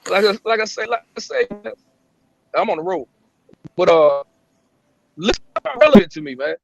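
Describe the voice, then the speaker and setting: A man's voice: sits high, big pitch swings, moderate pace, gravelly, no room sound, muffled recording. Man on a clipped, breaking-up call line. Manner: blunt, profane, many restarts. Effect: clipped, breaking-up call connection. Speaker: panel guest. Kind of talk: casual panel discussion. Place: outdoors in woods, on the road. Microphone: remote call.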